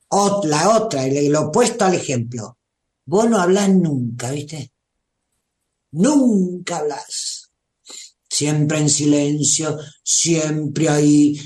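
Argentine woman host, unhurried motivational speaker, roomy recording. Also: low-pitched, a little mellow. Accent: Argentine Spanish. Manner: unhurried, coaxing, often asks "¿se entiende?". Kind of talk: motivational talk to a live audience. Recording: roomy echo.

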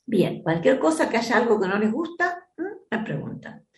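A woman's voice: fairly high pitch, very animated, moderate pace, roomy sound. A woman with an Argentine accent hosting an advice program, explaining things in a reflective, teacherly way and often checking in with her listeners. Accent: Argentine Spanish. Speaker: host and teacher of a self-help method.

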